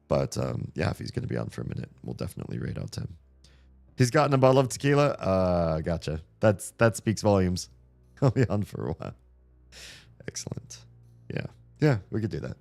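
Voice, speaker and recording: A man in his thirties talks casually during a game livestream, his low-pitched voice carrying vocal fry and a slightly mellow quality. His voice is going, and his easygoing rambling is loaded with fillers.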